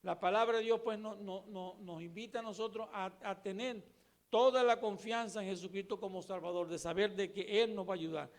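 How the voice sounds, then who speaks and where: A man's voice: sits high, fairly even intonation, fairly quick. A man preaching a sermon in an emphatic, repetitive way, addressing the congregation directly. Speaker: pastor.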